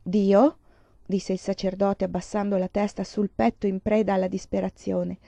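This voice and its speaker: A woman narrating an audiobook in a measured, solemn way. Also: mid-range voice, level tone, gravelly, dark tone, no echo. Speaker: audiobook reader.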